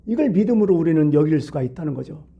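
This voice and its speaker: A man's voice: fairly high pitch, lively intonation, fast talker, creaky, dark tone, husky, muffled recording. A male pastor giving a midweek sermon in a church, talking to the congregation in a conversational way and asking them rhetorical questions. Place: church sanctuary.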